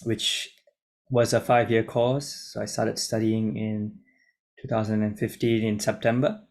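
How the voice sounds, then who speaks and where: Recorded through his laptop mic on a video call in his room, a young Singaporean man in his twenties who works as a junior doctor reads casually from a script to camera. He speaks a little slowly in a fairly low, level, darkish voice, with many hesitant restarts.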